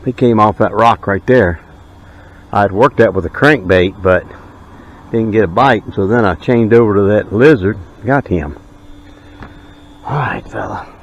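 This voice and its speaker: A man's voice: on the low side, normal speed, muffled recording, slight background noise. An older retired man, chatting casually in a folksy, plain-spoken way as he fishes and demonstrates things outdoors by a lake. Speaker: fishing vlogger.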